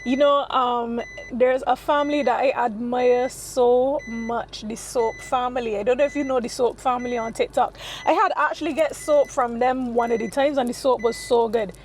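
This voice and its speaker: A woman's voice: fairly high pitch, fairly even intonation, moderate pace, hardly any pauses, poor audio. A woman in her thirties, chatting and laughing as she vlogs while driving. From Barbados. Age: 30s. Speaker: vlogger. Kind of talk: casual vlog chat while driving. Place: car on a road. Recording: road noise in a car.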